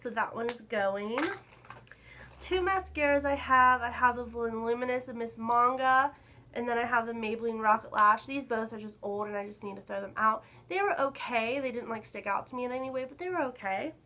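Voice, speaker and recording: A young woman vlogger chatting casually to camera about makeup, a little hoarse from being sick, filling her talk with "like.". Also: a little high, normal speed, sharp tone, low-quality recording. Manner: chatty, lots of "like" fillers. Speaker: beauty vlogger.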